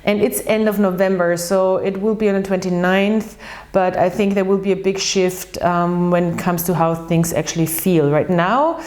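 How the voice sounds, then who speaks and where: A tarot reader from Austria, a native German speaker with an Austrian German accent, rambles chattily through a casual monthly tarot and astrology reading with frequent ums and restarts. Her fairly low, slightly mellow voice keeps a fairly even intonation at a moderate pace.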